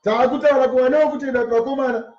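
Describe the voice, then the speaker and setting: A Zimbabwean man with a Shona accent delivers a sermon expounding scripture line by line, emphatically repeating himself for effect. His very high voice is steady in tone, a little mellow, and very fast, with faint music behind. Sound comes through a distant mic in an echoey, muffled room.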